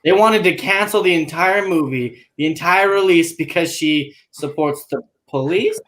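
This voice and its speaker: A young man joins a casual podcast, talking loosely and with a touch of exasperation. His voice sits a little high. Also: moderate pace, fairly bright tone. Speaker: podcast co-host.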